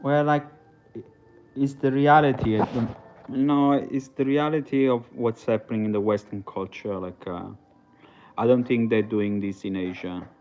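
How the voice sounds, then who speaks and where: A man's voice: mid-range voice, fairly even intonation, normal speed, highs cut off, slight background noise. A man from Italy, talking casually on a livestream in a hesitant, rambling way full of fillers and restarts. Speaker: livestream host.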